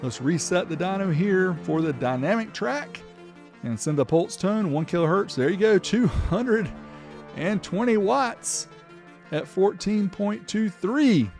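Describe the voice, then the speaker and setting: The host of a car audio amplifier test video demonstrates the gear, explaining each step and reading the results aloud. His voice sits high and a little mellow, with lively intonation and a measured pace, accompanied by soft background music.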